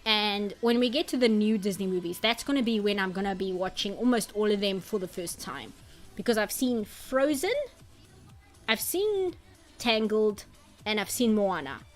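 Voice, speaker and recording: A woman's voice: mid-range voice, moderate pace. A woman streamer in casual chat who rambles and reads out chat comments. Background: faint background music.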